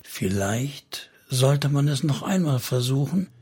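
A man voicing an earnest, devout young girl, speaking softly and reverently in an audiobook reading. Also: mid-range voice, lively intonation, slow, breathy edge, full character voice. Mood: hushed.

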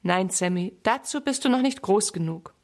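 A woman's voice: medium pitch, animated, normal speed, a little mellow, lightly acted. A woman voicing a kind but firm mother in a children's story.

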